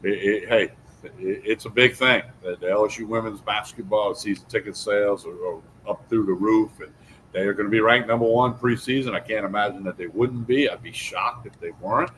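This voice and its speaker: Low-voiced man giving folksy sports takes. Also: brisk, a bit bright, slight background noise, poor audio. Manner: folksy, opinionated, with many fillers. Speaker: sports talk show co-host. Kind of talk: casual sports chat.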